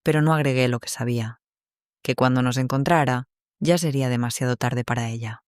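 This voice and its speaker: Man, scripted story narration, steady measured delivery, mid pitch, dry close sound. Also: clear, resonant tone, no room sound.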